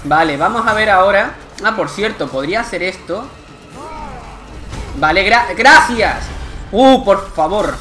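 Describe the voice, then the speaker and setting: A young man from Spain with a Spanish accent, commenting live on his gameplay, excitable and swearing often in frustrated outbursts. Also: high-pitched, measured pace, long pauses, faint music behind. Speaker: gaming youtuber.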